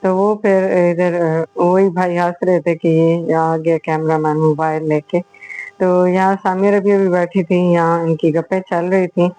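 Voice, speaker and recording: Flat-toned woman narrating her home vlog. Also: fairly low pitch, poor audio. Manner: chatty, unhurried, frequent drawn-out fillers. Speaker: vlogger, host. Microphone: voice-over on a small clip-on mic.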